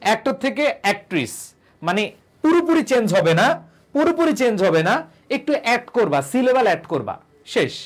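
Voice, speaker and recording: High-voiced man teaching grammar. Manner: repeats questions and answers them himself; reads out and answers viewer comments. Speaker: online English tutor. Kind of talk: live-streamed grammar lesson.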